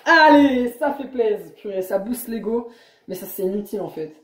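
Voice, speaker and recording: A woman's voice: mid-range voice, a little fast, warm tone. A young woman vlogger in casual chat, talking in a hesitant, chatty way. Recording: echoey room.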